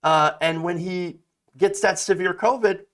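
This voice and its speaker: A man's voice: sits high, unhurried, fairly bright tone. A man in his thirties giving emphatic political commentary, reading out a story and reacting to it, with frequent fillers and restarts. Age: 30s.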